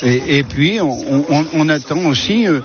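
A man's voice: fairly high pitch, expressive. Hesitant male football analyst on radio. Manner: halting, full of "euh" fillers and repeated words. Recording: lo-fi radio broadcast with faint noise.

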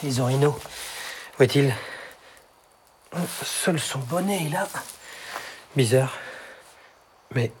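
An actor playing an earnest, alert young hero in an audio adventure drama, with exclamatory, clearly articulated theatrical delivery. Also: male voice, mid-range voice, slow pace, pauses often, background noise, natural voice. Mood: startled, puzzled.

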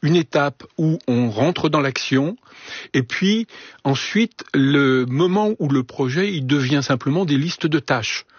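A man's voice: fairly high pitch, lively intonation, unhurried, husky, no room sound. A man guesting on a talk discussion, explaining his ideas thoughtfully with frequent hesitations. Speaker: journalist guest. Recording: slightly dull, muffled sound.

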